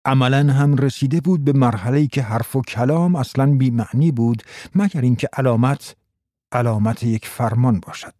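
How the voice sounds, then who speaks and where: Man narrating in a dark, mellow voice. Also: medium pitch, dry recording, studio quality. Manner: measured, even storytelling. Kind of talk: scripted narration.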